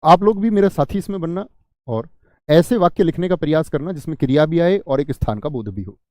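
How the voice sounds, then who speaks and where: A man's voice: on the high side, a little fast, darkish tone, no room sound, studio quality. A man teaching Hindi grammar in an online class, asking students questions, answering them himself and repeating key words.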